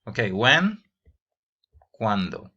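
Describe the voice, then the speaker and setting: A man's voice: lowish voice, sing-song, very slow, bright, forceful tone. A man teaching English grammar to teenagers, reading each example question and translating it into Spanish. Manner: addresses students as "jóvenes". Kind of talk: bilingual grammar lesson. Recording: dull lo-fi recording.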